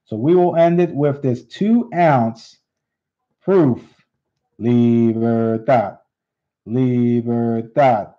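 A man hosting a live coin auction, repeating bids in steady auctioneer patter. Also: mid-range voice, drawn-out words. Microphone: unseen, hands on camera. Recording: dull lo-fi stream audio.

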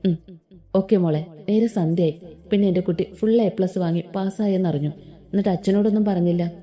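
A woman voicing a loving, remorseful middle-aged father in a Malayalam audio story, speaking gently and tenderly. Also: lowish voice, fairly even intonation, a little fast, lightly acted. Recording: slightly dull with soft background music.

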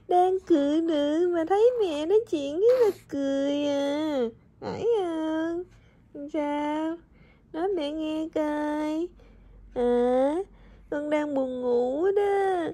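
A woman's voice: high-pitched, slow, dark tone, no echo. A young mother, coaxing her infant in sing-song baby talk while filming at home on a phone.

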